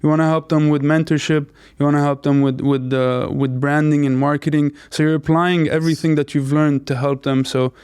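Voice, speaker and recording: A man's voice: on the high side, little pitch movement, fairly quick, few pauses, darkish tone, smooth, no room sound. A man co-hosting a podcast, talking casually and enthusiastically, repeating words as he praises his guest. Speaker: podcast co-host. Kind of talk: casual interview talk.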